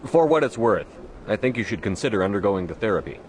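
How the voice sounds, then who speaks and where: A man's voice: fairly low pitch, very animated, fast, darkish tone, a little hiss or hum. A man playing a blunt, authoritative military commander in a video game. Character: blunt, authoritative human military commander, hard-edged hero. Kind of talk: video game drama acting.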